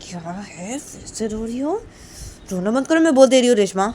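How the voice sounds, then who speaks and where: A woman voicing an angry, stubborn young woman in a spoken love story, loudly scolding and repeating her accusations. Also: on the low side, moderate pace, noisy background, natural voice. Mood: sharp scolding. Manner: loud scolding, repetitive accusing. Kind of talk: storytelling role-play.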